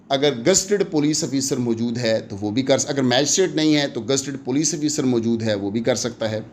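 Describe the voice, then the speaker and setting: Slight background noise accompanies a mid-range male voice with a Pakistani accent. He's a law lecturer giving an explanatory exam-prep lecture, didactic in manner, mixing Urdu and English and answering the questions he poses.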